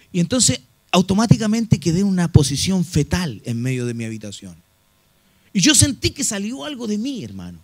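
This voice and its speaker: A middle-aged man preaches a sermon and weaves in his own story, speaking earnestly and often turning to his listeners as brother. His voice sits high for a man. The sound is dry and close. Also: fairly bright tone, no room sound. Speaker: pastor.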